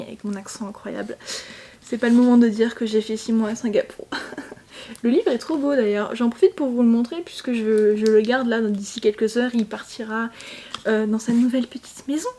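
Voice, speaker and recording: A woman's voice: fairly high pitch, mellow. A young woman chatting casually to camera at home, bubbly, with lots of fillers and restarts. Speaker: vlogger.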